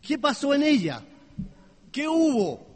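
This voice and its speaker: A man preaching a sermon, moving between hushed low passages and loud high exclamations and asking his listeners questions. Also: wildly swooping pitch, slow pace. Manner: asks the congregation questions. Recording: long hall reverb.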